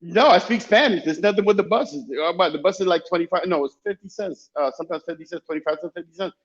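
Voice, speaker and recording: Dull lo-fi recording, man, Dominican-influenced accent, rapid speech, emphatic casual storytelling, repeated phrases. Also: sits high. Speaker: guest, travel YouTuber. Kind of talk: casual chat, animated storytelling. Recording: dull lo-fi call audio.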